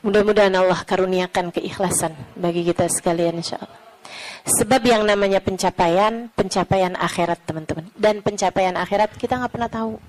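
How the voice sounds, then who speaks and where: A woman preacher giving a gentle, clear sermon that rises into fervent appeals. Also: medium pitch, fairly quick, rough recording.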